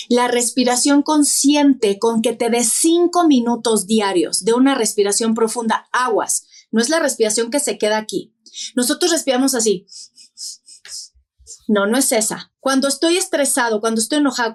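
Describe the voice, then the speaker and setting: A woman with a slightly high, somewhat mellow voice appears as a podcast guest in an explanatory interview. Her manner is didactic: she explains things step by step, lists points, and asks rhetorical questions.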